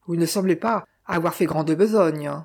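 A woman's voice: lowish voice, normal speed, darkish tone. A woman voicing a stern, ironic lady of the house in an audiobook, dry and commanding.

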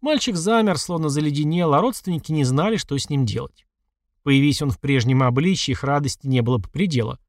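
A man narrating a horror audiobook with expressive, lively delivery. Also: on the high side, fairly quick, no room sound, clean studio sound.

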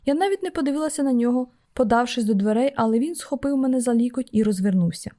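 A woman reading a novel aloud as audiobook narrator, with a measured, expressive delivery. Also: fairly high pitch. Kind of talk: scripted narration.

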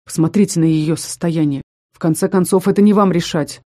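A woman voicing a male academy rector who speaks in sharp, agitated outbursts. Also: fairly low pitch, fairly quick, lightly acted. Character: hot-tempered male academy rector, protective.

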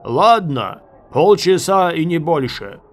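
A man's voice: fairly high pitch, sing-song, slow pace, faint music behind, voice pushed up, heavily acted. A male narrator voicing a commanding enemy officer who barks demands at the defenders. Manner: loud, barking.

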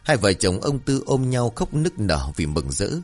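Male storyteller, low voice, steady scripted folk horror narration, soft music bed. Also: unhurried. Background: faint music.

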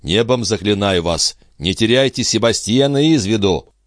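A man's voice: fairly low pitch, expressive, normal speed, dry recording, clean studio sound, pitched above the performer's own voice, close to an everyday voice. A man voicing a stern, commanding male physician in an audiobook. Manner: firm, commanding.

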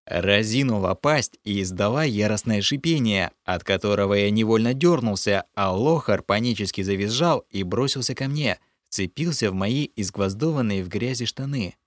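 A man narrating an audiobook in the first person, with steady storytelling. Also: on the low side, normal speed, few pauses, dry recording, clean studio sound.

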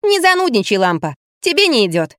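A woman reading an audiobook, voicing a bratty, sharp-tongued teenage girl in a shrill, indignant voice. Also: big pitch swings, a little fast, dry recording, clean studio sound. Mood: teasing. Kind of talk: audiobook character voice.

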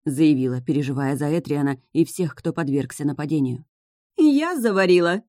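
A woman's voice: sits low, fairly even intonation, brisk, dark tone, no echo. A woman reading a first-person fantasy story aloud as an audiobook narrator, close to the mic.

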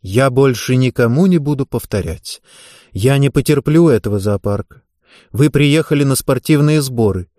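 A man reading the part of an imposing woman head coach who speaks with slow, icy authority. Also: mid-range voice, mellow, no room sound, studio quality, natural voice. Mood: cold.

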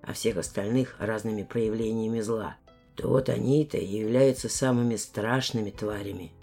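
A woman voicing a weary, fatherly male border guardian who explains things slowly and gently, in a deep, quiet voice. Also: faint music behind. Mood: gentle. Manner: slow, measured explaining.

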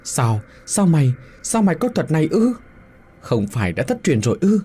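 A man's voice: fairly high pitch, sing-song, moderate pace, dark tone, a little hiss or hum, pitched above the performer's own voice. A man voicing a cruel, blood-hungry demon. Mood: menacing. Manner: taunting, menacing. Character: bloodthirsty vengeful demon spirit, cruel and mocking.

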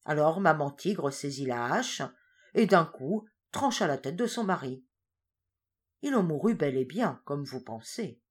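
A woman narrating a children's storybook. Her voice sits a little low. It moves a great deal in pitch as she tells the tale expressively. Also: animated, measured pace, slightly rough. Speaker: audiobook reader.

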